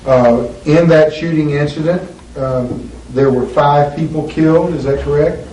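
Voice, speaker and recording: A male attorney with a fairly high yet mellow, dark-toned voice asks formal questions in a courtroom-style deposition recording. His delivery is slow, deliberate and measured, broken by frequent "uh" pauses, and the mic sits far off in an echoey room with faint hiss beneath.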